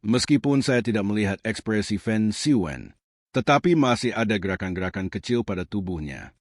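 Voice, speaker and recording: An aloof old sect master, calm and unreadable, talking down with quiet superiority, as a man reading a comic recap voices him. The voice is low and dry, close to the mic. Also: normal speed, dry recording.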